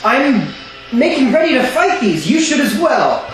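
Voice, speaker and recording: A man's voice: very high-pitched, big pitch swings, a little slow, a bit bright, voice pushed up, full character voice. A man voicing a shape-shifting doppelganger that copies the heroes and mocks them. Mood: mocking. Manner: mocking, echoing questions back. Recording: very echoey room with faint music.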